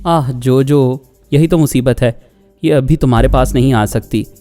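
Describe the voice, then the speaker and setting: A man's voice: medium pitch, a little slow, mellow, no room sound, faint music behind, lightly acted. A man voicing a torn young man who speaks in a coaxing, placating way.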